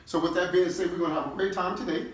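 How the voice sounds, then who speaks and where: The speaker, a middle-aged CEO from New Orleans, races through an emphatic motivational talk to his staff at a team-building session, his voice sitting high with fairly even intonation. He checks in often with quick questions, recorded from afar in an echoey room with faint noise.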